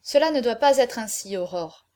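Lady reading as a noble doomed hero guy, grave and solemn, slowish and low-key, audiobook. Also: expressive, darkish tone, lightly acted. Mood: tender. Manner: solemn, measured farewell speeches. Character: noble condemned male hero, grave and tender.

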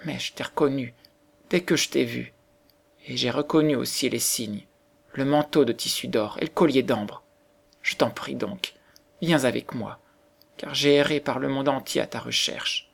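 Brief: man reading as a sorrowful beggar mother, soft and pleading, gravelly and hushed. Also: mid-range voice, normal speed.

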